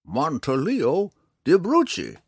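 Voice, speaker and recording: A man voicing a proud, blind old hermit archer who speaks slowly and halts while searching for words. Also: on the high side, wildly swooping pitch, husky, dry recording, clean studio sound, pitched above the performer's own voice, exaggerated voice. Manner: slow, drawn-out delivery.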